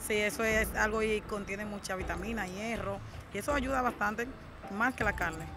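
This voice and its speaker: A woman's voice: mid-range voice, fairly even intonation, moderate pace, over music. A young woman from the Dominican Republic answering interview questions earnestly, firm about who she is.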